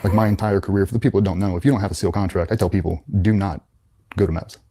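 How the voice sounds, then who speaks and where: Ex navy seal guy telling his story fast, blunt and matter of fact. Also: sits low, fairly even intonation, dark tone, breathy edge. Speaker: interview guest, former Navy SEAL. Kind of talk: casual storytelling.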